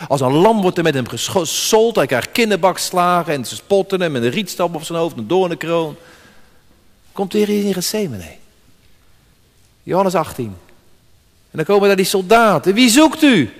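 A man's voice: high voice, long reverb tail. A man preaching a sermon as pastor, emphatic and repeating key words for weight.

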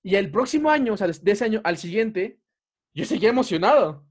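A man's voice: high-pitched, very animated, a little fast, breathy edge. A young man with a Mexican Spanish accent, telling a story in a casual podcast chat and laughing often.

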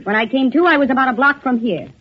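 A woman's voice: high-pitched, fast talker. An actress playing a tough, slangy young woman who claims to be a lost heiress, in 1940s radio acting, on a dull lo-fi old radio recording. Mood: defiant. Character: tough brash young woman, defiant hustler.

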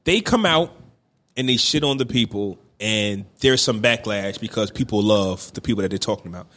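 A man's voice: lowish voice, lively intonation, normal speed, a bit bright. A young man co-hosting a podcast in casual chat, opinionated, often checking with "right?". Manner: opinionated, makes his points with repeated checks like "right?". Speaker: podcast co-host.

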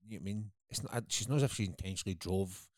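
A man co-hosting a casual chat show, relaxed and wry. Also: lowish voice, very fast, dry recording, studio quality. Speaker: co-host.

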